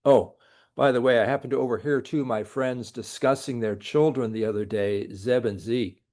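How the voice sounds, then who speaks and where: A man's voice: medium pitch, steady tone, moderate pace, darkish tone. A middle-aged man, a college professor, giving a recorded lecture with dry, sarcastic jokes. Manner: dry jokey asides, sarcastic.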